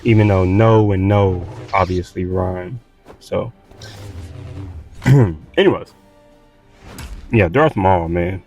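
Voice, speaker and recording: A man's voice: low voice, slow, pauses often, a little mellow, highs cut off, faint music behind. A man from Texas with a Southern accent, tired from little sleep, rambling casually with lots of fillers and restarts while playing a game. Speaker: gaming streamer.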